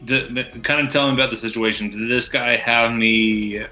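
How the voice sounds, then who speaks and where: A man's voice: mid-range voice, fairly even intonation, normal speed, sharp tone, rough recording. A man playing a tabletop game, easygoing and slangy, thinking aloud about his move. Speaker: player. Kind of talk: casual chat at a tabletop game.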